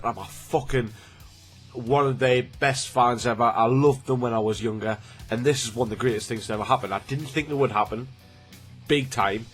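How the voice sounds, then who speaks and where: A YouTuber in his 20s from Newcastle, England, chats casually to camera in a medium-pitched, slightly bright voice. He rambles and restarts, sounding a bit snotty from a cold.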